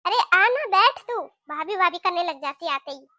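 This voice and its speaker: A woman voicing a sharp-tongued, nagging middle-aged mother-in-law in a cartoon, talking in a scolding, taunting way. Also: very high voice, lively intonation, moderate pace, no echo, dull audio, exaggerated voice. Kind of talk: cartoon voice acting.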